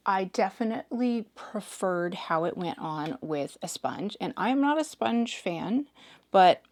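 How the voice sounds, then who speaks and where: A hoarse woman in her forties chatting casually as she does her makeup, hedging with "like" and "sort of". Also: mid-range voice, expressive, measured pace, darkish tone. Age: 40s. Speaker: makeup reviewer. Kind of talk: casual chat while doing makeup.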